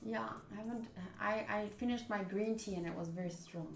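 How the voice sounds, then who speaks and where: Speaking fairly quickly in a mid-range voice, a woman reads a visual novel aloud on stream and adds casual asides for viewers. The recording has a roomy echo with faint game music in the background.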